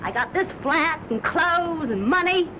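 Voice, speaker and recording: A woman's voice: sits high, expressive, measured pace. A scornful Cockney kept woman. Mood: mocking. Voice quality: sharp-tongued and scornful. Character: brash young London kept woman, defiant and mocking. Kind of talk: early-1930s film acting. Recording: hissy early-1930s film soundtrack.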